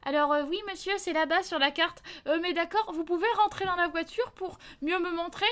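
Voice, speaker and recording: A woman's voice: extremely high pitch, fairly even intonation, fairly quick, pitched above the performer's own voice. A woman voicing her father, who plays a creepy male stranger through a plush dog to test a child. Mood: luring. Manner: fake-polite, luring, then scolding loudly.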